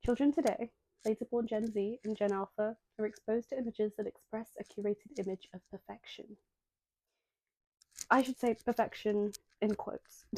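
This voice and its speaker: A young woman hosts a video essay, her voice low-lit and mellow with a gravelly edge and a slightly nasal quality. She reads her script steadily but keeps slipping into self-deprecating, apologetic tangents, and the audio quality is poor.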